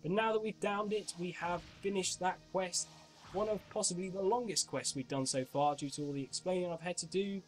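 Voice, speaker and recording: Over soft background music, a young man gives brisk, high-pitched commentary while gaming for his channel. He's casual and chatty, explaining each move, and a cold coming on has put his voice slightly off.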